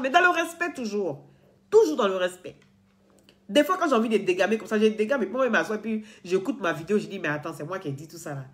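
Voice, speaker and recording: A woman blogger talking straight to her followers in an earnest, lecturing way, repeating herself and restarting often. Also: on the high side. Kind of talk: casual direct-to-camera talk.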